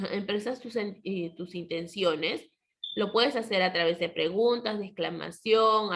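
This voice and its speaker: A woman teaching a primary school class over a video call, patiently asking the children questions and often clearing her throat. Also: medium pitch, a bit bright. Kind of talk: online class lesson.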